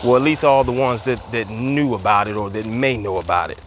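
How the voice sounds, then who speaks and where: A man with a fairly low, somewhat bright voice talks fairly quickly through a casual commentary monologue while walking outside. Slightly breathless, he rambles emphatically with many fillers and repeated words, and a little hiss or hum sits in the recording.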